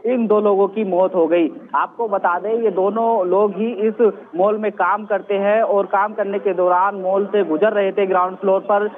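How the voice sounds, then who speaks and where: A man's voice: high voice, level tone, moderate pace, hardly any pauses. A male field reporter giving an earnest live news report from outdoors at a scene, repeating the key questions. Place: outdoors at a mall. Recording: tinny phone-line audio.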